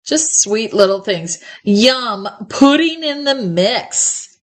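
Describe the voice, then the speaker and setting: A middle-aged woman hosts a live stream ornament sale, speaking into a close mic. She talks at an unhurried pace in a slightly high voice. Her manner is chatty and upbeat, with frequent laughter. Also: expressive. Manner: chatty and enthusiastic, laughs often. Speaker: host of a live ornament sales show. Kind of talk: casual live sales chat.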